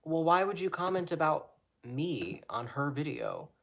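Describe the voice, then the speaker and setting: A man's voice: a little high, big pitch swings, measured pace, creaky, fairly bright tone. A man talking to his channel from his own room in a loose, rambling vlog chat, often restarting and correcting himself. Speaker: YouTuber.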